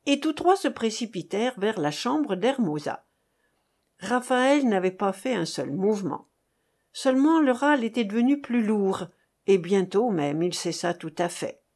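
A woman reads a classic novel aloud as an audiobook narrator. Her delivery is slow and measured, and her pitch moves in a lively, melodic way. It sounds like scripted literary narration.

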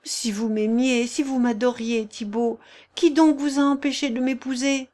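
A woman reading aloud and voicing a gentle, frightened young peasant woman in a high, pleading voice. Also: steady tone, moderate pace, lightly acted. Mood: tender earnest. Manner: pleading, breathless, high-pitched.

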